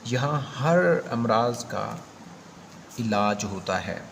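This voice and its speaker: A man's voice: medium pitch, slow pace, creaky, a bit bright, a little hiss or hum. A man with a Pakistani accent teaching an exam prep grammar lesson, explaining step by step and repeating key points with emphasis.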